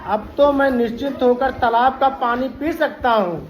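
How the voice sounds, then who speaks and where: A woman's voice: high voice, normal speed, reverberant, a faint crowd, close to an everyday voice, low-quality recording. A woman doing a sly cautious jackal. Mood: curious.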